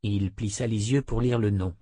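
Brief: steady male narrator reading a fantasy novel aloud, husky, dry studio sound. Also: fairly low pitch, normal speed, no room sound. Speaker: audiobook narrator. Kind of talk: scripted fantasy audiobook narration.

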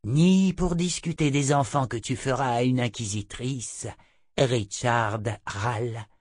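Cold imperious old seer woman, read by a man, slow and dry. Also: medium pitch, darkish tone, dry recording, voice pushed up. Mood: threatening. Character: old female seer, harsh and scornful. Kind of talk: audiobook character voice.

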